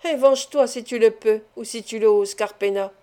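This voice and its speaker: A woman's voice: a little high, moderate pace, dark tone, close to an everyday voice. A woman voicing a stern old fisherman. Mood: angry. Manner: curt, firm refusals rising to anger. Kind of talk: audiobook character reading.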